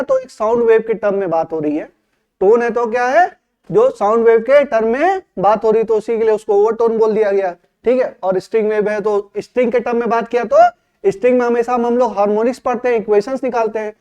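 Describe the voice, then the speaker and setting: A man teaches physics in a classroom lecture, firing questions at his students and answering them himself. His voice sits very high for a man. The recording is dull and lo-fi. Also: a little mellow.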